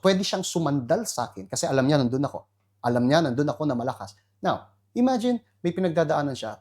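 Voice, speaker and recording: Animated Filipino pastor preaching. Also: male voice. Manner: animated, with sudden high emphatic jumps and quiet asides; mixes English phrases into his talk. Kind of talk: preaching to an online audience.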